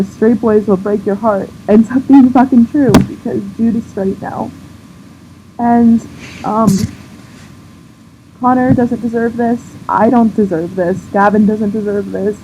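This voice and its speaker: A woman's voice: fairly high pitch, dark tone. Woman vlogger, emotional rant, indignant and tearful, stumbling restarts; lo-fi recording, faint hiss. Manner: upset, indignant, swearing, with halting restarts. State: on the verge of tears. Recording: dull lo-fi sound with faint background noise.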